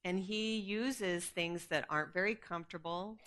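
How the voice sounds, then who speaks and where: A woman giving an earnest, conversational sermon in short phrases, pausing after each so an interpreter can follow. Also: fairly low pitch, fairly bright tone. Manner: earnest, conversational, with fillers and restarts. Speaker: guest speaker preaching through an interpreter.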